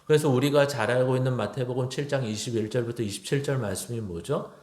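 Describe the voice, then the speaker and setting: In an echoey church sanctuary, a male pastor preaches to his congregation in a quick, mid-range, slightly mellow voice. He frequently shifts into blunt, informal direct address.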